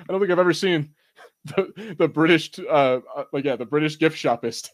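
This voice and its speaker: Here a man with a fairly high voice speaks at normal speed in a dry recording. He's one of a podcast's co-hosts, casually chatting in slang, joking, rambling and swearing somewhat as he reviews a TV show and reads live chat.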